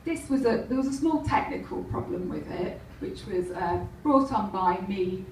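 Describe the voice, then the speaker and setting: A woman's voice: mid-range voice, animated, moderate pace, darkish tone, a little hiss or hum. A woman telling wry, rambling anecdotes in a stand-up comedy set, laughing at her own jokes. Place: live comedy venue. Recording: roomy, distant mic with faint ambience.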